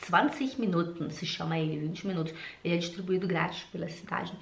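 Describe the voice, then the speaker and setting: A woman from Brazil telling personal stories and encouraging viewers in an animated, expressive way, recorded with a roomy echo. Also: fairly low pitch, a little fast, vocal fry, slight background noise. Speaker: vlogger.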